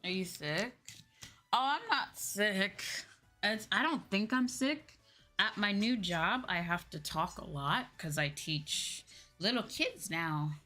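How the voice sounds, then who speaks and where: A young adult woman, a VTuber streamer, chats casually on a livestream with background music playing. Her mid-range voice is expressive, slow, pushed and bright, and she sounds musing and hesitant as she answers chat, a little sore and tired after a day of talking.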